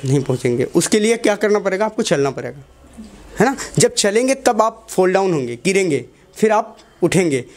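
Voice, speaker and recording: A man's voice: sits high, very animated, brisk. A young man, a teacher giving a motivational talk to students in a classroom, asking the class short questions and repeating key lines.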